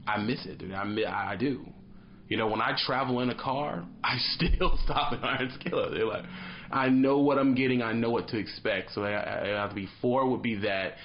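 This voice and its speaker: At a moderate pace and medium pitch, a man in his thirties, a trucker, vlogs casually to camera in a small dim room. He acts out little scenes as he tells lively, slangy stories, and the audio is dull with slight background noise.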